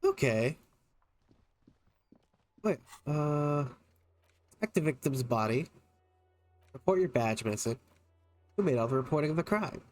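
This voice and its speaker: A man's voice: a little high, lively intonation, measured pace, long pauses, darkish tone, no echo, faint music behind. A man casually commenting as he plays a game, playful and teasing, reading options aloud. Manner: playful, teasing, laughs a lot, reads choices aloud. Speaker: gamer playing through a game.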